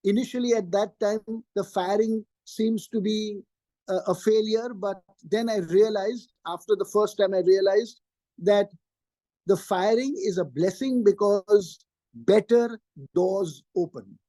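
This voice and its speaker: A man's voice: high-pitched, a little slow, warm tone, no echo. A man, answering interview questions emphatically and repeating his key phrases. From Pakistan. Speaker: interview guest, trainer and career coach.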